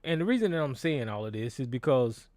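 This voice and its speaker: This man hosts a call-in show in a sing-song, medium-pitched voice, talking fairly quickly with a darkish tone and no room sound. His casual monologue is blunt and full of profanity, with frequent restarts, captured on a desk mic through a board.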